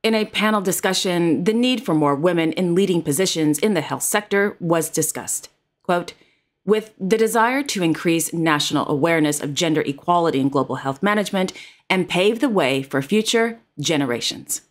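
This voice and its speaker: A woman's voice: lowish voice, normal speed. A woman presenting royal news in a formal, carefully read narration. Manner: formal, reads titles and quotes carefully.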